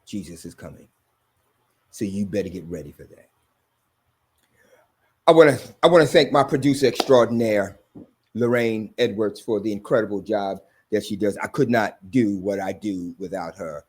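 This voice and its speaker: A man's voice: lowish voice, normal speed, darkish tone, slightly rough. A man hosting a sermon-style commentary, talking in an emphatic, repetitive preaching cadence. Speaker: host.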